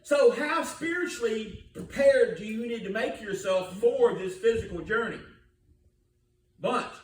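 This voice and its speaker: A slightly slow, high-sitting voice belongs to an older male pastor giving a sermon in a church sanctuary. He tells it folksy and story-like, often asking the congregation questions, in a roomy recording made from a distance.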